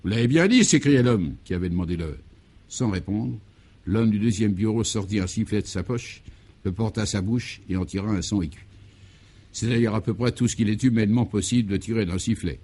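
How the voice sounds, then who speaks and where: A man narrating a comic radio serial in a deadpan manner, with absurd wordplay and playful self-corrections. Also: fairly low pitch, fairly quick, breathy edge. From France. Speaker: narrator and author.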